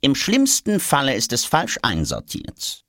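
A man's voice: mid-range voice, huge pitch swings, a little slow, a bit bright, no room sound, studio quality, voice pushed up. A man voicing a curious, lecturing diplomat's briefcase in a children's story. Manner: lecturing, nosy. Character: light brown diplomat's briefcase, know-it-all, curious. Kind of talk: audiobook character voice.

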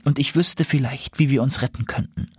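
A man voicing an enchanted princess turned into an owl, speaking in a plaintive, soft, husky voice. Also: medium pitch, fairly quick, no echo, studio quality, pitched above the performer's own voice. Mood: confiding.

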